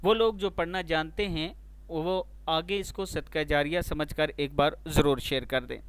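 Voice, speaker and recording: A man teaching Quran recitation in a slow, spelled-out lesson. He spells out each letter and vowel mark, then recites the whole word, drawing out the long vowels. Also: on the high side, fairly bright tone, clean tone.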